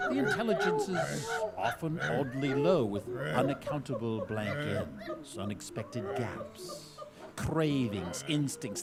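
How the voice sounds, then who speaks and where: In a live radio-style audio drama recorded on stage with music underneath, a medium-pitched male actor plays an obsessed, grandiose scientist who turns animals into men. His dramatic monologue is theatrical and brooding, swelling into fervent declamation.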